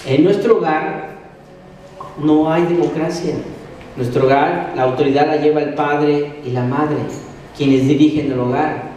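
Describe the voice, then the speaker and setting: Mexican male preacher, high and mellow, rhetorical-question sermon, distant mic with heavy hall echo. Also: steady tone, measured pace, a little hiss or hum. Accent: Mexican Spanish. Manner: asks the congregation questions and answers them. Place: church hall.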